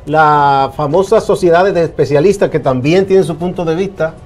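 Male host, slightly high voice. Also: normal speed, a little mellow. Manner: prompting, finishes guest's sentences. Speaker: TV show host. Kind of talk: political panel talk. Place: TV studio. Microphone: lapel mic.

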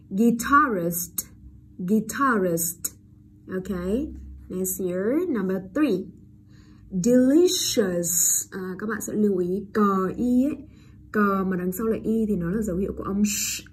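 A woman teacher giving a pronunciation lesson, drawing out and repeating each English word loudly before explaining it. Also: mid-range voice, slight background noise.

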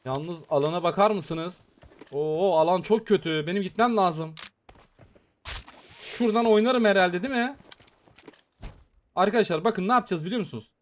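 A man giving excited, chatty live commentary on a mobile shooter game, talking straight to his viewers as he plays. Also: sits high, moderate pace, long pauses. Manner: excitable, chatty, talks to viewers while playing. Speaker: gaming YouTuber.

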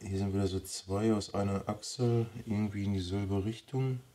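A man's voice: fairly low pitch, steady tone, normal speed, mellow, slight background noise. A man with a Ruhr German accent, thinking aloud in casual commentary as he works on a bonsai. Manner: thinking aloud, muttering while he trims. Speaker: bonsai vlogger. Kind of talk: casual commentary while working.

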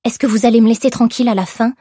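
A woman's voice: fairly high pitch, steady tone, moderate pace, slightly rough, no room sound, studio quality. A woman voicing a fiery young seamstress. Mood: furious. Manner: sharp, indignant cries.

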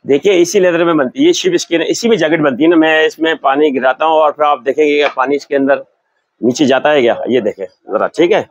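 A man's voice: on the high side, fairly quick, no echo, highs cut off. An older man from Pakistan, a leather shop owner explaining his goods in a sales demonstration, on a lapel mic in a large shop. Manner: explanatory, shows goods while talking.

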